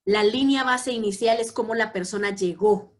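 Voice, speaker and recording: A woman's voice: mid-range voice, moderate pace. A woman teaching a psychology class, explaining each point with examples and often checking that her students follow. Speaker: psychology lecturer. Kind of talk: online class lecture.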